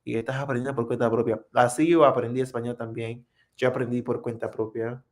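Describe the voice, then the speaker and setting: A man's voice: medium pitch, little pitch movement. A man whose first language is English, hosting a casual live practice stream and answering viewers in English and Spanish. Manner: unhurried, friendly, answers viewer comments.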